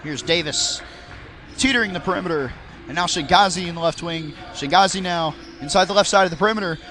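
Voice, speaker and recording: High bright young basketball announcer. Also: male voice. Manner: rapid auctioneer-like calling, rising on big plays. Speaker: play-by-play commentator. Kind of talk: basketball play-by-play commentary.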